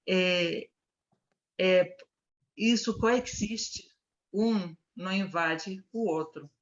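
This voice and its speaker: A woman's voice: lowish voice, a bit bright. Woman commenting on a call. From Argentina. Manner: thoughtful, searching for words. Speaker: meeting participant. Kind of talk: comment in an online discussion. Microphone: video call. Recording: muffled video call audio.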